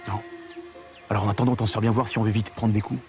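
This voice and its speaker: A man's voice: lowish voice, little pitch movement, very fast, over music, close to an everyday voice. An actor playing a zealous, servile slave promoted to bossy foreman, speaking officiously in a period comedy film. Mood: curt, low.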